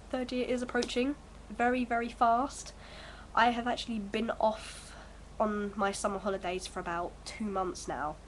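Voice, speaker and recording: This is a mid-range female voice on poor audio with a little hiss or hum. The speaker, a woman in her early twenties with a blocked-up cold, rambles hesitantly and full of fillers while chatting to her vlog camera at home.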